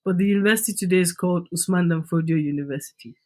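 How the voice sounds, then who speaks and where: A woman's voice: lowish voice, very fast, dark tone. Middle-aged Nigerian woman, Nigerian accent, emphatic interview guest. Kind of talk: podcast interview.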